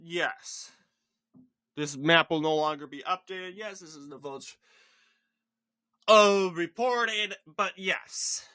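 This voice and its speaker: A young man with a very bright, forceful voice, pitched a little high, works as an informal election night analyst. He talks through results in a halting, rambling commentary and often corrects himself mid-sentence. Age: young adult, about 20. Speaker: channel host giving election results analysis.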